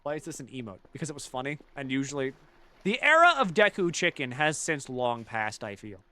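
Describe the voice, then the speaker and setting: A man with a cold chatting casually while streaming a game, rambling and swearing, swinging from mumbled asides to loud jokey bits. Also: mid-range voice, sing-song, a little fast. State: has a cold. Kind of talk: casual gaming stream chat.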